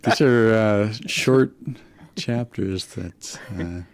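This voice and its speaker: A man's voice: on the low side, drawn-out words, a little hiss or hum. A man co-hosting in casual chat, speaking in a hesitant, laughing way. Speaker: co-host.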